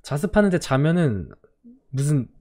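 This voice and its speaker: Hoarse man telling school stories. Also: on the high side, big pitch swings, normal speed. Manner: storytelling, acting out quotes with swings in loudness. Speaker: streamer. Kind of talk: casual radio-style chat stream.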